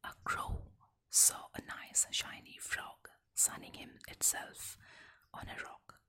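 A woman reads folk tales and fables aloud in a soft, gentle whisper. As a storyteller doing whispered ASMR story reading, she keeps her delivery slow and gentle.

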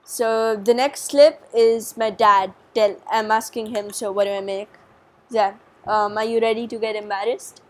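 Young woman vlogger, playful chat, slightly high voice. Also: fairly even intonation, measured pace. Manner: chatty, playful, jokey. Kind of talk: casual family vlog.

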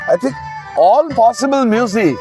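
A man's voice: very high voice, expressive, moderate pace. A man with an Indian accent explaining things as an interview guest, emphatically and with repeated phrases. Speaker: festival organiser, interview guest. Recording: faint music behind. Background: music.

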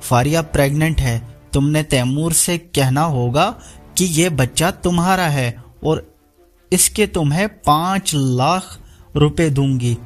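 A man's voice: fairly high pitch, takes it slowly, soft background music. A man voicing a scheming young woman villain who talks in a sneering, taunting way. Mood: smug scheming.

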